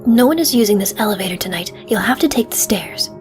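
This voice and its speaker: A woman's voice: medium pitch, lively intonation, fast talker, over music, close to an everyday voice. A woman voicing a stubborn, curt male police officer in video game dialogue, blunt and colloquial. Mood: firm, stonewalling. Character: stubborn, irritable male beat cop, tough and curt.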